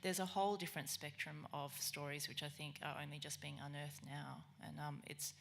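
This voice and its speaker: A woman speaks as a writer on a panel. Her voice is very low, with a gravelly fry. She talks earnestly, stopping often on fillers. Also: little pitch movement, fairly quick, fairly bright tone. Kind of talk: casual earnest chat.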